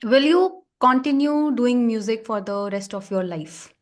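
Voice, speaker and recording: A young woman hosts a relaxed podcast chat, her voice sitting a little high. She fires off quick, curious questions and keeps the guest going with short okays. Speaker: podcast host. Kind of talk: casual interview.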